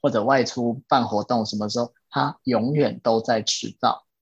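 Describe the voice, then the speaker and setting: A man's voice: medium pitch, fairly even intonation, normal speed, slightly rough, no room sound. A man hosting a casual podcast chat, patiently explaining ideas from a self-help book and repeating his key points. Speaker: podcast host. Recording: dull lo-fi, dry.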